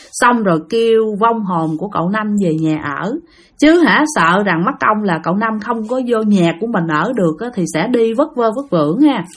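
Woman, chatty ghost-story narration, lively pitch. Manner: chatty, addresses listeners directly.

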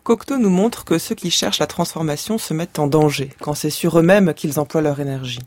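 A male radio host reading scripted narration at a measured, even pace. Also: a little high, dry recording.

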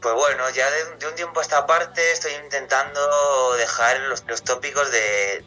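Bright-voiced singer from Castilla-La Mancha. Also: male voice, mid-range voice, muffled recording. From Castilla-La Mancha, Spain. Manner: rambling, casual, many restarts and fillers. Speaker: singer, interview guest. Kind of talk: radio interview answers.

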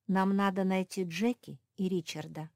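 A woman voicing a steady, determined female pug who insists on her plan. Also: medium pitch, moderate pace, vocal fry, dry recording, studio quality, close to an everyday voice. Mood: firm. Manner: firm, insistent.

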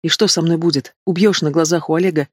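Испуганная молодая пленница, умоляющая, со слезами в голосе, которую читает мужчина, аудиокнига. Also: male voice, a little high, fairly even intonation, fast talker, no echo, studio quality, lightly acted. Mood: pleading. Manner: pleading, tearful. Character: young frightened captive woman, pleading.

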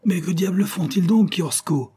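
Man doing keen young naval officer, pitched up, excitable, warm husky tone. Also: a little fast, lightly acted. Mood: excited. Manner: excited, calling out. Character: young impetuous male naval lieutenant.

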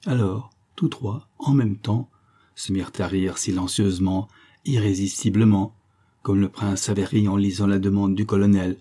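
A man narrating an audiobook of a classic novel in a measured, literary way. His voice is low, dark and mellow, with a husky grain. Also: steady tone.

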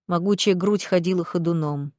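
A woman's voice: on the low side, moderate pace, darkish tone, no echo, clean studio sound. A woman reading a first-person story aloud in a dramatic, tense way. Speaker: audiobook reader. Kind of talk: first-person audiobook narration.

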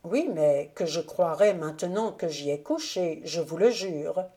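A woman reading a classic novel aloud as an audiobook narrator, calm and measured. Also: on the low side. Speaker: audiobook reader.

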